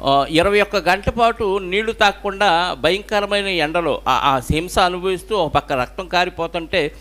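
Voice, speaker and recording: A man's voice: sits high, normal speed, a bit bright. A male pastor with a Telugu accent preaching a sermon, often asking the congregation questions.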